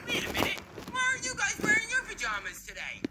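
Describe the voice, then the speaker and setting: A man voicing an excitable, whiny little boy in a comedy skit. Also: extremely high pitch, fast talker, heavy background noise, voice pushed up, exaggerated voice. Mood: thrilled. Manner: whiny, squealing, overexcited.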